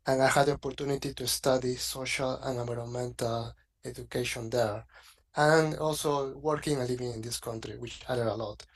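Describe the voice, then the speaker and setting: A man whose first language is Spanish, speaking English on a conference panel in simple, listing phrases. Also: medium pitch.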